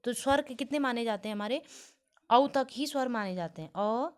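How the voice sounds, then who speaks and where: Woman teacher going through a grammar lesson bit by bit, a bit high voice, keeps checking in. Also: normal speed, smooth. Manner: explains step by step, often checks in with listeners.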